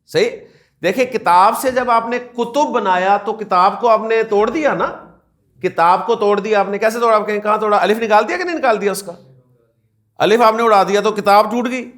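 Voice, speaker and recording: A man's voice: high-pitched, fairly bright tone. A man teaching a class, who keeps asking his students questions and repeating the key points. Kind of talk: classroom lecture.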